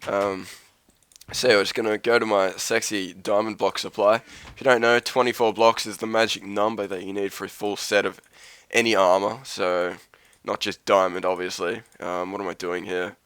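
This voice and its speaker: A man's voice: lowish voice, little pitch movement, moderate pace, a bit bright, smooth, no room sound. Sick-voiced man rambling over gameplay. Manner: rambling, profane, self-mocking. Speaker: Let's Play host. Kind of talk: casual gameplay commentary.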